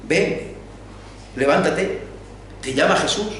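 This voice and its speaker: A man preaching a sermon in a church, retelling stories dramatically, rising for quoted lines and dropping to a hush. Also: a little high, animated, slow. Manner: dramatic retelling, voicing quoted lines with rises and hushed drops. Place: church hall. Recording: very echoey hall, from far off, faint hum.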